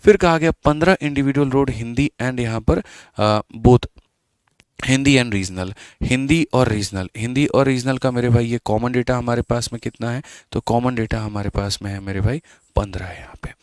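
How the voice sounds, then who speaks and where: A man's voice: mid-range voice, normal speed, smooth, no room sound. A man teaching maths in a live online exam-prep class, chatty and scolding his students, mixing English terms into his talk.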